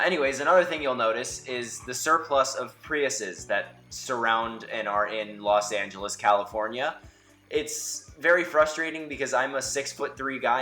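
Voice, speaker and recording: A man's voice: mid-range voice, bright, forceful tone. A young man narrating a casual driving vlog from inside his car, chatty and wry, his voice a bit muffled from a camera mic set away from him. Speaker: vlogger. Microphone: camera mic from a distance, muffled.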